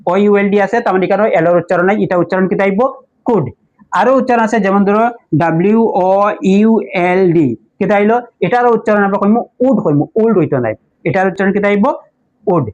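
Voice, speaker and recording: A man's voice: high-pitched, highs cut off. A man with a Sylheti Bengali accent teaching English patiently. He asks questions and answers them himself, and spells words out letter by letter. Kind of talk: classroom-style lesson explanation.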